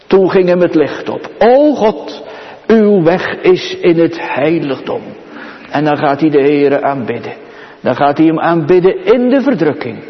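A male pastor preaching a sermon in a slow, solemn way, lifting his voice sharply on questions. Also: fairly high pitch. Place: church. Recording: muffled, with long church reverb.

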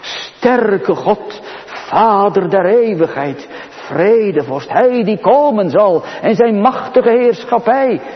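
Slow, solemn male preacher in a reverberant church. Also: high-pitched. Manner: solemn, swings between raised exclamations and hushed pleading. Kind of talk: sermon. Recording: dull recording with long church reverb.

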